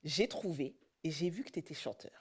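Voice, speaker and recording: A woman's voice: sits low, lively intonation, normal speed, a little mellow, breathy edge. A woman hosting a casual interview, chatty and encouraging, often repeating herself. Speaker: interview host.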